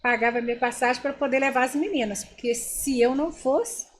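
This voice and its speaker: Telling tales from her life, an older woman from Brazil addresses the people interviewing her directly and animatedly. She speaks fairly quickly in a high-pitched voice, over slight background noise.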